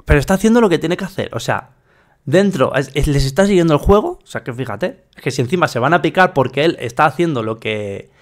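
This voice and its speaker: Guy reacting to rp clips, slightly high voice, keeps repeating himself, animated. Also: fast talker. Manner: animated, repetitive, laughing asides. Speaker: streamer commenting on roleplay clips. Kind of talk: casual reaction commentary.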